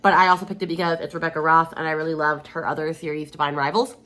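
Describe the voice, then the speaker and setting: Sick, worn-out woman, lowish voice, noisy background. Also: level tone, fast. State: sick and congested, feeling awful, sounding run-down like hungover. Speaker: book vlogger. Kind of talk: casual chat to camera.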